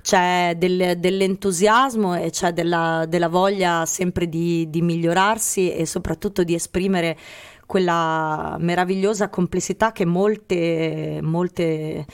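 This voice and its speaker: A woman's voice: fairly low pitch, fairly even intonation, slow, clear, resonant tone. A woman hosting a casual radio interview through a face mask, talking playfully and wordily and often interrupting herself. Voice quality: slightly muffled by a face mask. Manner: playful, wordy, self-interrupting. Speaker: podcast host and interviewer.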